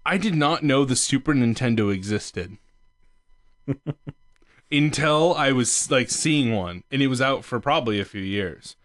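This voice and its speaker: A man's voice: medium pitch, lively intonation, measured pace, a bit bright. A young man co-hosting a podcast, telling a rambling childhood story in casual chat, laughing often and swearing freely. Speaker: podcast co-host.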